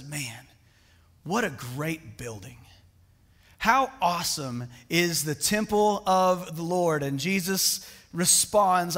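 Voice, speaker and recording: In a church sanctuary, a pastor preaches a sermon in a casual, conversational way, often restarting sentences with fillers. His voice sits high with a fairly bright tone, and the recording carries the reverb of a church hall.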